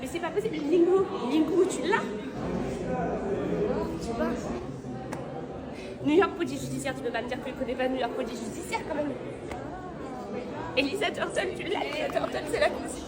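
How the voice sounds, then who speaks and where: Very high, gushing woman with crowd noise. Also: normal speed, long pauses. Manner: excitable, gushing. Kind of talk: comedy sketch acting. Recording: loud crowd behind.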